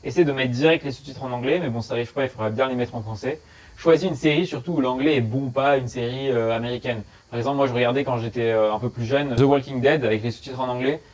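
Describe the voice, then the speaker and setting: A man's voice: medium pitch, steady tone, fast. A young man from France, chatting informally with many fillers, giving study and travel tips straight to the viewer in a casual vlog.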